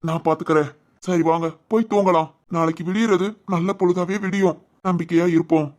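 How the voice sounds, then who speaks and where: Voicing a village father who is firm yet loving in an animated family drama, this man uses a Tirunelveli Tamil accent. He has a high voice, speaks briskly with a light acting touch, and sounds steady and reassuring.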